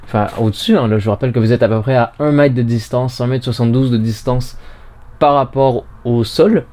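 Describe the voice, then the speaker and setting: A man's voice: mid-range voice, fairly quick, darkish tone. A man giving a casual, informal product demonstration as host, talking through each step as he goes. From Canada. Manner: chatty, informal, narrates own movements step by step. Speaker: podcast host reviewing audio recorders. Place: small home studio and narrow hallway. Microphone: recorder's internal mic, later binaural in-ear microphones.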